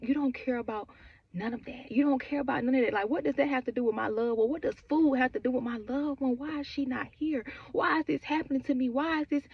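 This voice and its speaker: A woman's voice: a little high, slightly rough, no echo, highs cut off. A woman in her twenties telling her own grief story in a raw, conversational way, repeating herself and filling with "like". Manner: raw, repetitive, conversational with many "like" fillers. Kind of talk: emotional personal storytelling.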